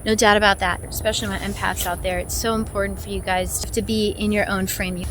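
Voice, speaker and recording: A woman's voice: mid-range voice, little pitch movement, a little fast, fairly bright tone, poor audio. A woman with an American accent chatting casually and informally to her vlog audience as she walks on an outdoor hike. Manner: talking while walking on a hike; informal, chatty, with little chuckles. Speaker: vlog host. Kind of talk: casual chat to camera. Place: outdoors on a hiking trail. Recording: outdoor ambient noise.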